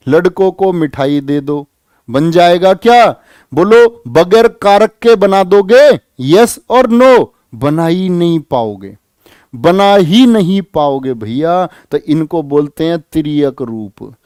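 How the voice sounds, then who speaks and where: Brief: male tutor, higher-pitched voice, dry close recording, quizzes the class and repeats himself. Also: clean tone, dry recording. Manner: lively, repeats questions and prods students to answer. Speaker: Hindi grammar teacher for police exam students. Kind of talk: live online exam-prep class.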